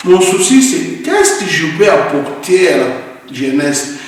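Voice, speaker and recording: A guest from Congo (DRC) answers interview questions earnestly and emphatically, often repeating words while he searches for them. His high voice is very animated at a measured pace. The recording is distant in an echoey, roomy hall with faint noise.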